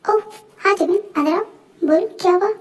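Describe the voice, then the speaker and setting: A woman voicing a calm, firm and apologetic young man in a fan voice-over drama. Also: very high-pitched, moderate pace, recorded from a distance.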